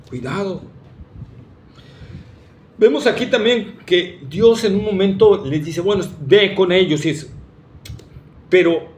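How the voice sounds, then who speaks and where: High-voiced preacher, emphatic. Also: male voice, slight background noise. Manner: emphatic, asks rhetorical questions, addresses the congregation. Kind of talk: sermon.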